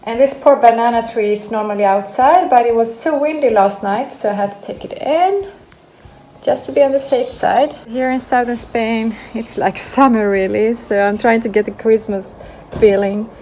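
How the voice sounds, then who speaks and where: Speaking at a moderate pace in a slightly high, mellow voice, this home cooking vlogger, born in Greece and raised in Sweden, walks through her baking in a casual kitchen demonstration. Slight background noise is present, along with faint music in an echoey room.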